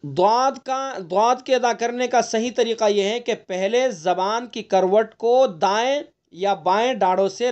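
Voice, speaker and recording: High-voiced man teaching Quran recitation. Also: lo-fi sound. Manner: explains patiently, repeats key points and demonstrates sounds. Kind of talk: online tajweed lesson. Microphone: online class recording.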